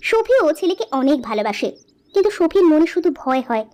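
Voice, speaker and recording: A woman narrating a cartoon story in a plain, steady storybook style. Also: high-pitched, fairly quick.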